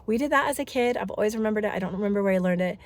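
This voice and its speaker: Speaking very fast at medium pitch, a family vlogger in her thirties chats away with a head cold that leaves her congested. She's talkative and meandering, with frequent asides.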